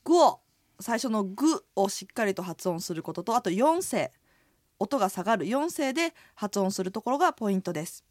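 Lively woman explaining on a radio lesson. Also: mid-range voice, brisk, no echo, studio quality. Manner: lively, explanatory, friendly presenting. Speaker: inn proprietress and co-host.

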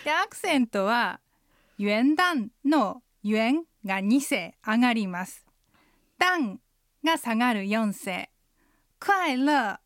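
A woman leads a radio language lesson in a clear, explanatory way. She models words slowly and carefully. Her voice sits a little high, and the studio sound is very dry. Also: no room sound. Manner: clear explanatory teaching, slow model pronunciation. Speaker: Chinese language teacher.

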